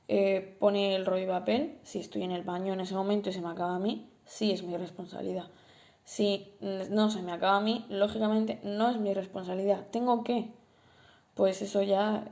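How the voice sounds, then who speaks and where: A woman's voice: medium pitch, a little mellow. A woman from Spain with a Spanish accent hosting a podcast, explaining how to communicate with a partner, with examples and frequent "eh" fillers. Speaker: podcast host. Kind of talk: relationship advice talk.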